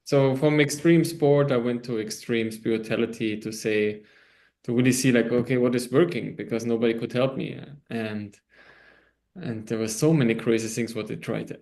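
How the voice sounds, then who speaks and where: A man from Austria with a German accent, a guest on an online interview, talking loosely with pauses and frequent laughs. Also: mid-range voice, fairly even intonation, gravelly, darkish tone. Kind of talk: casual interview over video call. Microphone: video call.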